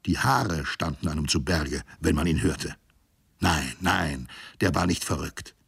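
A man voicing a feverish, raving old ship's mate who mocks and rants, his voice gravelly and breaking into shrill shrieks. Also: expressive, measured pace, a bit bright, no echo, clean studio sound, heavily acted. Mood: feverish ranting. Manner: mocking, ranting, voice cracks into shrieks.

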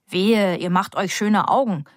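A woman reading aloud as a fiery young student, pitched higher and speaking with urgent, excited defiance. Her proud, outspoken lines come in a dry, close recording with no room sound. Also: measured pace, no echo, natural voice. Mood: defiant. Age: young adult.

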